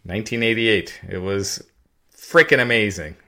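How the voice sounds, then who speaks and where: A man in his forties from Kentucky co-hosting a casual wrestling chat, excitable and laughing. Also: on the low side, moderate pace. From Henderson, Kentucky. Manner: excitable, hums tunes, laughs. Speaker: podcast co-host.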